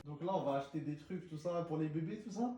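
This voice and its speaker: Young male partner, higher voice, halting and hesitant, recorded in a reverberant room. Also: mellow. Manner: stammering, hesitant. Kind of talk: casual chat. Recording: echoey room.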